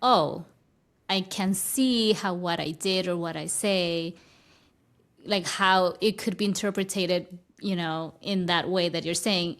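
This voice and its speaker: Her voice fairly low, steady and fairly bright, a woman speaks slowly as a guest in a conversational interview. She is a spiritual teacher, a native Spanish speaker using English, who thinks carefully and frequently restarts her phrases.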